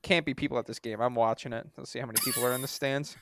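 A man's voice: mid-range voice, fairly even intonation, very fast, gravelly, noisy background. A man co-hosting a sports podcast with casual banter and a wry, dismissive fan's manner.

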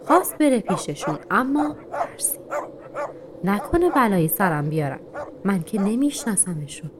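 Woman narrating a storybook tale softly. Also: medium pitch, noisy background. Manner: soft, dramatic, drops to hushed whispers. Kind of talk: scripted narration of an animal story.

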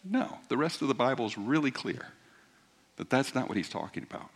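A man's voice: medium pitch, expressive, a little fast, breathy edge. A man preaching a sermon in a church as pastor, explaining in a conversational teaching manner that builds to emphatic points.

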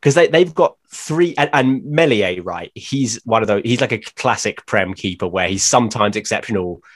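Casting: lively male co-host, blunt opinions, quick laughs, pitch swinging up and down. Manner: animated, blunt, laughs often. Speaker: podcast co-host. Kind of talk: casual football chat.

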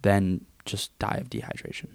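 A man's voice: deep voice, animated, moderate pace, creaky, darkish tone, clean tone, dry recording. A young man co-hosting a casual podcast, talking in loose, profane banter into a home computer mic. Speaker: podcast co-host. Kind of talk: casual chat. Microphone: home computer mic with headphones.

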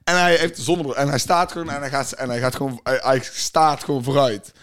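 Man, podcast co-host, casual chat, rambling, stumbles and restarts, mid pitch. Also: steady tone, a little fast, a bit bright. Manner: rambling storyteller, frequent restarts and fillers.

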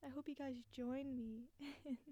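A nineteen-year-old woman chatting casually and unscripted as a podcast host, giggly and self-deprecating, a little breathy, talking from under a blanket. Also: high-pitched, fairly even intonation, unhurried, warm tone, no echo, muffled recording. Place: small dorm room, under a blanket. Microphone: cheap basic recording gear, close up.

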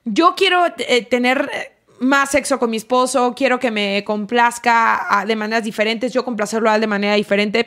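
A woman with a Mexican accent hosting a podcast, who chats casually and drops quick joking asides. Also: on the high side, fairly bright tone. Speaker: podcast host.

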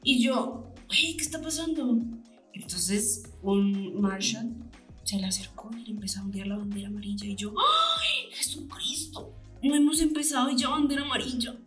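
A woman's voice: medium pitch, a little fast, roomy sound, faint music behind. A woman co-hosting a podcast, chatting casually about a race and acting out her own reactions with gasps and whispers. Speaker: podcast co-host. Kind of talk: casual chat recapping a race.

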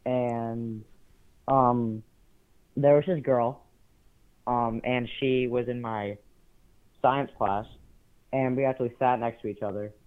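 A young man speaks over a tinny phone line, his mid-low voice halting with ums and uhs. He sounds nervous and unsure as he tells a story. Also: steady tone, clear, resonant tone. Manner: hesitant, many ums, nervous laughs. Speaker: caller. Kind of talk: telling a story on a call.

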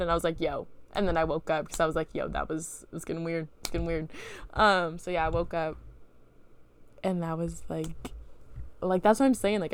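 A young woman hosting a solo podcast, telling loose, profanity-laced stories in a relaxed, casual way into a home computer mic. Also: lowish voice, clear, resonant tone, no room sound. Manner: loose, profane storytelling with laughs. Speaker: podcast host.

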